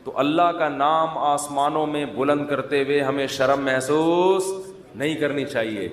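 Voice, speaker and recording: A man giving a conversational religious talk as an Islamic scholar, mixing humor with teaching and mimicking drawn-out calls to prayer. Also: fairly high pitch. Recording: echoey hall, faint ambience.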